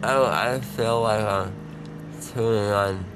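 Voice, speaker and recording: A young man just out of wisdom teeth surgery, slurred and groggy, rambling haltingly and confusedly in casual chat. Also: fairly even intonation, recorded from a distance. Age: young adult. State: groggy and slurred after wisdom teeth removal, mouth full; hiccuping. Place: inside a car. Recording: noisy car, rumbling background noise.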